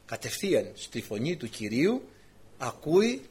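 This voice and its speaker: Husky, lively-voiced male preacher. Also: medium pitch. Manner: impassioned, rhetorical questions, often addresses listeners as brothers. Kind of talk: sermon.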